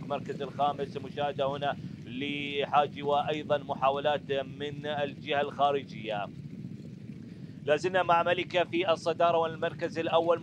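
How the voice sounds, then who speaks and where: Male horse racing commentator, rapid formal delivery, faint background noise. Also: mid-range voice. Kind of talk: live race commentary and formal results announcement. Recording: dull band-limited audio, clear background noise.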